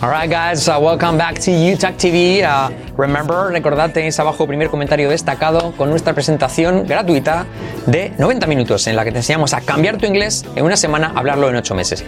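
A man's voice: fairly high pitch, music in the background. Upbeat man drilling English phrases. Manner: switches between English and Spanish, repeats phrases slowly for drilling; upbeat, encouraging. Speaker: English teacher and channel host. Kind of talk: online language lesson.

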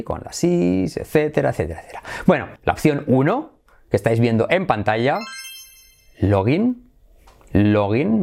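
A man with a Spanish accent from Spain, teaching English as a quiz and slowly modeling the pronunciation of each phrase. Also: mid-range voice, a little mellow. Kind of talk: quiz-style language lesson.

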